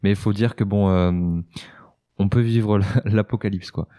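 Low-voiced man, earnest and halting. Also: fairly even intonation, dark tone. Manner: earnest, halting, repeats words. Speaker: radio show panelist. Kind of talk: casual panel talk.

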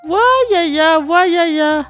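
A woman's voice: very high voice, steady tone, slow, soft background music, pitched above the performer's own voice. A woman voicing a panicked young male prankster dressed as a ghost, yelping and shrieking in a read-aloud story. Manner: shrieking, yelping nonsense cries.

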